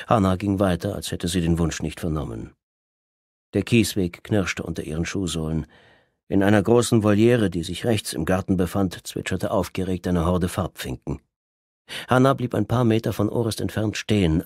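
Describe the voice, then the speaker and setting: A man narrating a thriller audiobook in a measured, even storytelling manner on a close studio mic. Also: low-pitched, no room sound.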